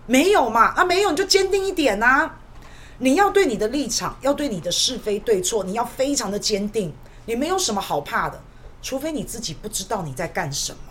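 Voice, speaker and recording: A woman's voice: a little high, fairly bright tone, slight background noise. A woman hosts a political commentary podcast, delivering an emphatic monologue full of rhetorical questions.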